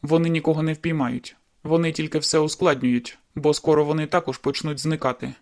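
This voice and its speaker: A woman's voice: low-pitched, steady tone, brisk, a little mellow, voice pushed down. A woman voicing a hot-tempered young male werewolf in an audiobook, with clipped, bitter retorts. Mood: curt.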